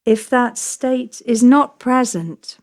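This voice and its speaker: A yoga nidra teacher, a woman, guides a deep relaxation meditation at a slow pace. She sounds animated yet a little mellow, soothing and measured, with long pauses between short phrases.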